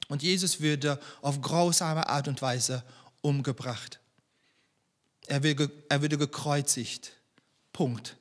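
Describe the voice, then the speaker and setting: A man preaching a sermon, with rhetorical questions and emphatic pauses, recorded in a church hall. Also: a little high, fairly bright tone. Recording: long reverb of a hall.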